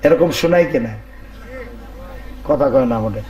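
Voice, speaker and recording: A hoarse man preaching a sermon who calls out questions to the crowd and chants verses. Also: mid-range voice, normal speed, echoey room, lo-fi sound. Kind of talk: Bengali waz sermon.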